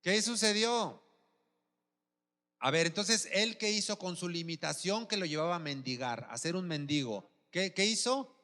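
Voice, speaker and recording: Pastor, sermon, fairly high voice, long church reverb, checks in with the congregation. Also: male voice, animated, normal speed, bright, forceful tone. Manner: keeps asking the congregation if they are with him.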